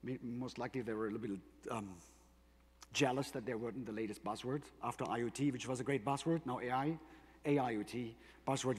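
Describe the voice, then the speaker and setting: In a big, echoing hall, a man with a German accent delivers an explanatory tech keynote for his company, leaning on rhetorical questions for emphasis. His voice sits in the mid range, darkish and slightly rough.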